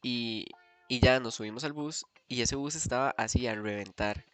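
A man's voice: mid-range voice, normal speed, a bit bright. A man with a Costa Rican accent telling a long personal story in casual chat, rambling with many fillers and restarts. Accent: Costa Rican Spanish.

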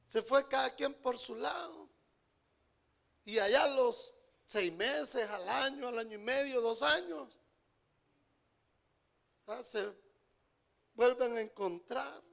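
Gravelly high-voiced preaching man. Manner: emphatic preaching, swings between loud outbursts and hushed asides; repeats phrases for emphasis. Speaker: pastor. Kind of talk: sermon.

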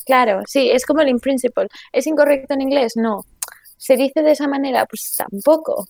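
Woman guest, bit of vocal fry, talks on and on w restarts, dry close sound. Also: high-pitched, normal speed, a little mellow, no room sound. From Spain. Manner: explains at length with frequent restarts and tag questions. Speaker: interview guest, economist and author. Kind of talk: conversational interview.

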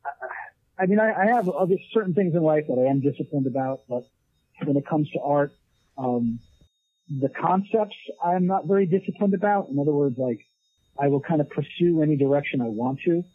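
Speaking at a normal speed in a slightly high voice, this late-thirties leatherwork artist rambles through a casual interview, full of fillers and false starts. There's no echo, though the audio comes through a thin, tinny phone line.

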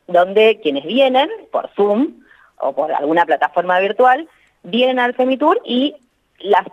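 A woman's voice: mid-range voice, dry recording. A woman with a Rioplatense Spanish accent, a journalist calling in from home over a bad phone connection, chatting with many hesitations and restarts. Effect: bad phone connection that cuts out. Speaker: journalist and tour co-creator, radio guest. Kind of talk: casual interview over the phone. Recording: muffled lo-fi phone line.

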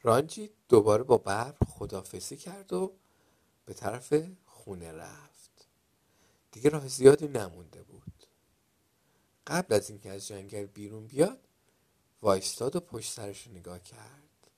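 A man narrating a children's story dramatically, dropping to a hush at some moments and getting loud at others. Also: lowish voice, sing-song, pauses often, breathy edge. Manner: dramatic, loudness swinging from hushed to loud.

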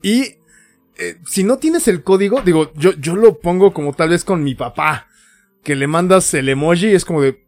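A man's voice: high-pitched, moderate pace. A young man with a Mexican Spanish accent, slightly drunk, co-hosting a casual podcast chat. He talks freely, laughs often and acts out the texts he quotes. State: tipsy. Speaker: podcast co-host.

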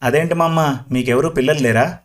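A man's voice: fairly high pitch, a little fast, close to an everyday voice. A man voicing a curious young woman asking eager questions in a storybook reading.

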